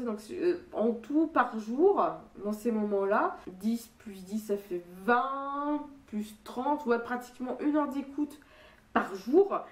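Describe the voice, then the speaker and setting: A young woman with a blocked, stuffy nose gives a casual book review, speaking nasally in a hesitant, rambling way and often rephrasing mid-sentence. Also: fairly high pitch. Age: young adult. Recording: echoey room, distant microphone.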